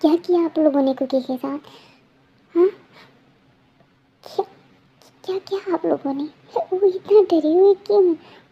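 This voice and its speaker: A woman's voice: very high-pitched, a little slow, pauses often, lo-fi sound. A young woman voicing a frantic, protective older sister in a fan-made story, pleading and accusing through tears.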